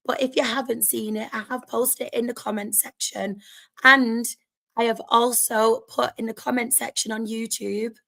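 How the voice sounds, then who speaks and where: A woman's voice: on the high side, little pitch movement, moderate pace, gravelly, sharp tone. A woman with a sore, strained throat, chatting casually to viewers as host of a football fan livestream.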